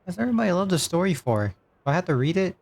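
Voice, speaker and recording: A man's voice: sits high, very animated, fast talker, creaky, darkish tone. A man streaming a video game, making casual, sarcastic, cursing commentary.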